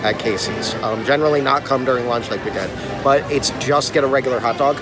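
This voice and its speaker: A man's voice: medium pitch, brisk, very noisy. A man co-hosting a food review in a casual, chatty way, with wry, opinionated remarks. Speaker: co-host of a food review show. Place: outdoors in a busy theme park. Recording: crowded outdoor park with music. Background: music and crowd chatter.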